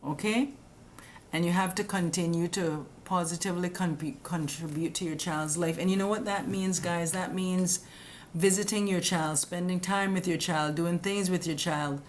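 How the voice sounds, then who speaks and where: A woman's voice: fairly low pitch, fairly even intonation, moderate pace, a little hiss or hum. A woman hosting a live stream, explaining immigration rules in a direct, chatty, scolding way and addressing viewers as guys. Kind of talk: casual live-stream explainer answering comments. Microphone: webcam or phone on a live stream.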